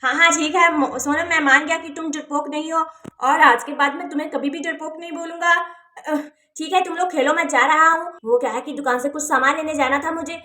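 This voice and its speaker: Casting note: a woman playing a bratty young boy for a doll storybook, bright tone, lower than her own voice. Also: steady tone, a little fast. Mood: panicky. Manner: teasing, boastful. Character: cheeky taunting young boy.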